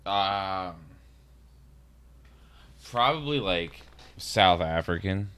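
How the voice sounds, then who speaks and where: Deep-voiced, loose-talking young man. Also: lively intonation, drawn-out words, a bit bright, smooth. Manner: loose, profane, rambling storyteller. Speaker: podcast co-host. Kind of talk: casual chat.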